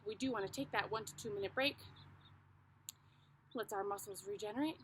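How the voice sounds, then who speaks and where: A woman's voice: mid-range voice, a little fast, slight background noise. A woman fitness instructor guiding a home workout, calling out the moves and cheering people on. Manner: encouraging, coaching. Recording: echoey room with guitar music.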